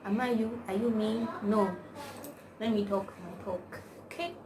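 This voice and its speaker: With a mid-range voice and fairly even intonation, this young female vlogger talks at a measured pace in a Nigerian accent. She chats casually to camera, telling rambling stories peppered with slang and endless "like"s. The audio comes from a distant mic over a noisy background.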